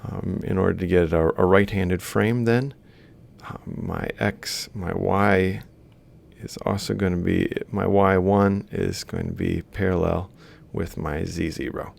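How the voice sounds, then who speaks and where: In a measured, fairly even delivery, a gravelly, slightly mellow male voice belongs to a robotics lecturer giving a relaxed worked-example talk. He draws while explaining, walks through his reasoning aloud step by step, and revises himself as he goes. Low rumble and faint background noise are present.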